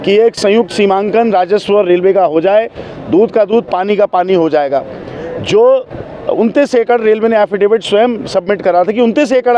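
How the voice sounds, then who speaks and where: A man's voice: high voice, mellow. A man making an impassioned political statement to reporters, emphatic and repeating phrases for effect. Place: outdoors at a street protest. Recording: muffled outdoor street recording.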